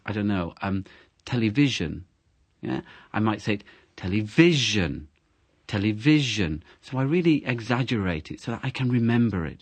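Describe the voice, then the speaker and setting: Low-ish guy teaching word stress, dry close sound, hams up the examples. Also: darkish tone, breathy edge, dry recording. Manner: explanatory, exaggerates stress in examples. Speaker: English teacher guest. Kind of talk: explaining pronunciation tips.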